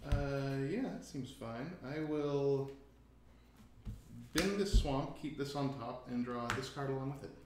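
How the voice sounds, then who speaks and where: A man's voice: mid-range voice, a little slow. Dry, teasing male card player. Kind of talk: casual game talk. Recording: echoey room with faint noise.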